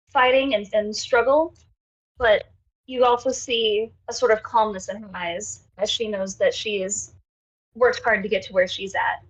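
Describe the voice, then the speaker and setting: A woman playing in a tabletop game who describes her character in a relaxed way with many fillers. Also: fairly high pitch, rough recording. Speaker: player.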